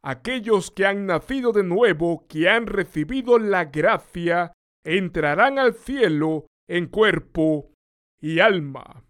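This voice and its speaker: Grieving faithful woman, read by a man, earnest, measured, slow. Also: high voice, lively intonation, a bit bright, heavily acted.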